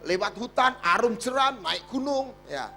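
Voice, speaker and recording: High lively preacher with an East Javanese accent. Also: male voice, moderate pace, creaky. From Madiun, East Java, Indonesia. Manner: animated, jokey, asks the congregation questions. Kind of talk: storytelling sermon.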